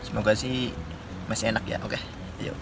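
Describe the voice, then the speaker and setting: A man in his twenties from Indonesia, a solo hiking vlogger, chats casually to the camera from inside a small tent. His voice sits on the low side with little pitch movement and a moderate pace, and the clear recording carries background noise and outdoor ambience.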